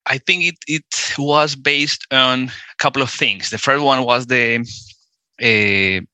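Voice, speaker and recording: A man's voice: medium pitch, takes it slowly, bright, forceful tone, clear, resonant tone, no echo. A man in his forties from Colombia with a Colombian Spanish accent, a Spanish native speaker talking as a guest in an interview, hesitant, with many fillers and restarts. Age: 40s. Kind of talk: casual interview conversation.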